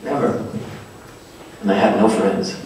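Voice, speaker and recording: A man telling a personal story in a sermon to religious teachers, animated and self-deprecating. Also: lowish voice, slow. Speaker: speaker addressing religious teachers. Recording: echoey hall from far off, faint noise.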